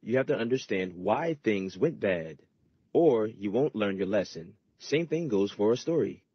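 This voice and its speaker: Patient low husky narrator man. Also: expressive, moderate pace, dry recording, lo-fi sound. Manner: patient, instructive. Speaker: lesson narrator. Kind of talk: scripted educational narration.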